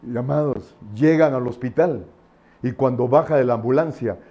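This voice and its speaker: A man's voice: mid-range voice, normal speed, highs cut off. A male pastor giving a sermon with a personal testimony, emphatic and repetitive, with frequent fillers and tag questions.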